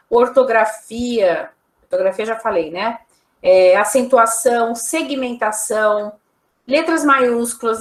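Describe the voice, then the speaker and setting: A woman's voice: high-pitched, fairly bright tone, echoey room. A woman teacher giving a recorded online lecture, explaining examples one by one with frequent tag questions.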